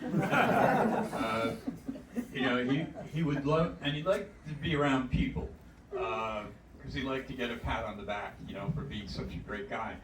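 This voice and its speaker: An older man telling anecdotes at a club gathering, chuckling as he goes and stopping often on fillers. He is picked up from a distance in an echoey hall. Steady noise runs underneath. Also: mid-range voice. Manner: chuckling storyteller, halting with fillers. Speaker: club speaker. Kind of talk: anecdotal after-dinner talk.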